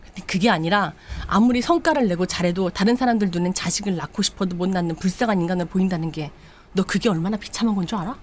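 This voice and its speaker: A woman voicing a cheating husband who calmly justifies himself, close to her own voice. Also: fairly low pitch, quick pace, a little hiss or hum, close to an everyday voice. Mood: defensive. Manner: defensive, matter-of-fact.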